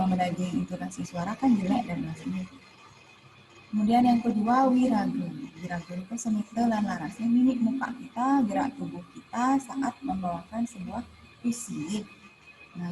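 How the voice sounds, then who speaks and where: A female teacher with a Balinese accent lectures in a patient, explanatory way, dotting her sentences with little fillers. Her voice sits at an ordinary middle pitch. A steady background noise hums under the livestream audio. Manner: explanatory, with frequent "nah" and "ya" fillers. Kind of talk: online class lecture.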